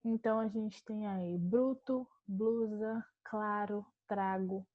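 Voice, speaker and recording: A Brazilian woman teacher giving a calm online grammar lesson, explaining step by step and slowing to spell out words. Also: mid-range voice, dry recording, narrow, tinny audio. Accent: Brazilian Portuguese.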